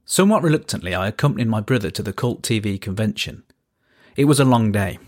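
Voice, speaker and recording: This lowish, animated voice belongs to a thirty-something podcast host from Birmingham, England, who moves at a quick pace. He reads his own first-person story from a script, keeping the tone drily understated and wry.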